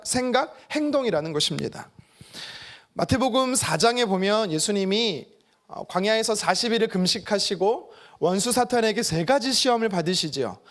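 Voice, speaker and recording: A man preaching a sermon as pastor, lively, acting out quoted voices and making joking asides. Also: very high-pitched. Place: church sanctuary.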